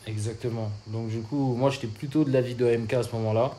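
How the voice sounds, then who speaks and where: A man's voice: medium pitch, quick pace, over loud music. A young man chatting casually as co-host, rambling and slangy. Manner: relaxed, rambling with fillers and slang. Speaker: podcast co-host. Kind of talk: casual chat. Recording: echoey room, faint ambient noise.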